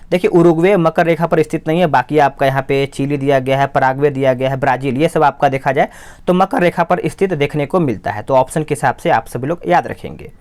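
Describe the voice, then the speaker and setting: A man working through exam practice questions as a tutor, explaining quickly and often asking a question aloud before answering it himself. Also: fairly high pitch, a little mellow. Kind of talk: quiz answer walkthrough.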